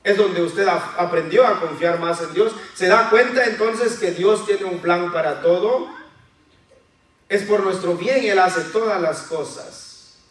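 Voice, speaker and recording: A man preaches to his congregation in a high voice and keeps turning to them with questions. He is heard from a distance, and his words ring out in a very echoey hall. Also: measured pace. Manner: addresses the congregation as brothers and sisters, with questions to the listeners; acts out voices of children and believers in quotes. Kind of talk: sermon.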